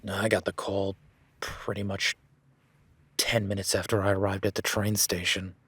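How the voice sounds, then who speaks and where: A man takes on the role of a plain-spoken cowboy ranch hand guiding a newcomer in an audio roleplay, rugged and folksy with an easygoing manner and occasional casual swearing. His low voice is fairly bright and slightly rough, with little pitch movement at a moderate pace, on a dry recording.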